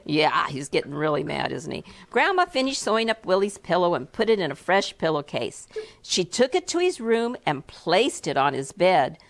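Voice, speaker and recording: A woman author reading her picture book aloud to a first grade class in a classroom, with an expressive, animated delivery. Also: on the low side, moderate pace, gravelly. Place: elementary school classroom.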